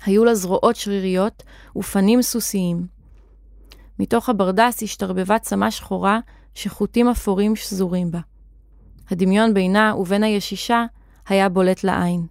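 A woman reads a children's serial story aloud with clear, expressive storytelling. Her voice sits at a middle pitch for a woman. The recording is close and dry, with no room around it. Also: dry recording.

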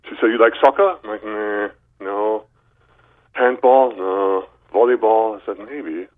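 This Berlin chiropractor in his fifties speaks with a German accent, his voice fairly low and a touch slow. As an interview guest on the phone, he relaxes into recounting his own life, and the line sounds narrow and muffled.

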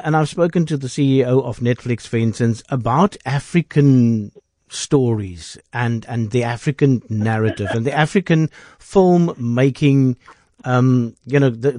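A man hosting a radio interview, asking long questions in a halting way with fillers and restarts. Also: mid-range voice, mellow, dry recording, clean studio sound. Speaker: radio host.

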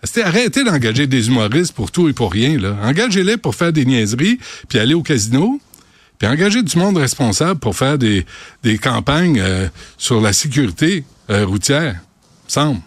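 A man's voice: mid-range voice, very animated, normal speed, no echo. A man hosting a radio show, chatting in a teasing, emphatic way. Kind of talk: casual radio chat.

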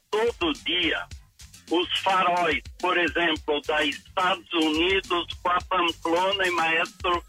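A man's voice: sits high, bright, forceful tone. A man calling in by phone to a radio show, complaining in an indignant, insistent way. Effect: heard over the phone. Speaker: radio call-in listener.

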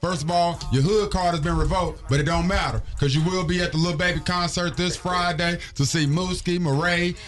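Male morning radio host, animated and joking, faint music underneath. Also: high-pitched, fairly quick, hardly any pauses. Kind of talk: casual morning radio banter.

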